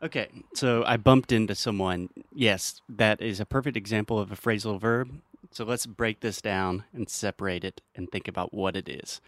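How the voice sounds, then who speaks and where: A man with a fairly low voice hosts a language podcast, joking with his guest while he teaches. He explains grammar patiently, with simple examples. The sound is close and dry, with no room around it. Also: moderate pace, hardly any pauses, fairly bright tone, no echo. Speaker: podcast host and English teacher. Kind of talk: casual teaching chat.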